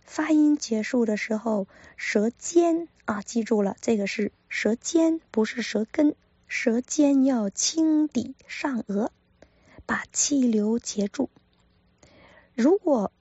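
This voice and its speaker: A woman teaching pronunciation in a careful manner, repeating each sound slowly for practice. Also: fairly high pitch, expressive, warm tone, husky, no room sound, highs cut off. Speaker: language teacher. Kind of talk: pronunciation lesson.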